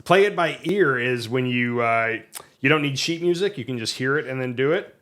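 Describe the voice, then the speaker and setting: A man's voice: mid-range voice, animated, moderate pace, fairly bright tone. A middle-aged man co-hosting a casual podcast, telling stories at length and poking fun at himself. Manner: talkative storyteller, self-deprecating. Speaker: podcast co-host. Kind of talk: casual chat.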